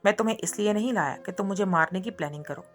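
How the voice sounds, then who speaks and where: A woman voicing a domineering young man who gives calm orders and teases in a read-aloud story. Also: mid-range voice, quick pace, soft background music, close to an everyday voice. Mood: commanding.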